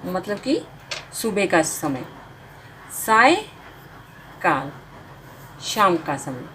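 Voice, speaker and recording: A woman's voice: on the low side, sing-song, very slow, bright, forceful tone, slight background noise, rough recording. A woman teaching a beginner spelling lesson, sounding out letters and marks one by one and drawing out each finished word.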